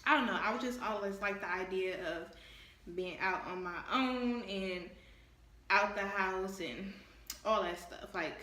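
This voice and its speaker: Bright-voiced young woman vlogger. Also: mid-range voice, a little slow, echoey room. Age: young adult, about 19. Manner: candid, chatty, addresses viewers as y'all. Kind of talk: casual advice vlog.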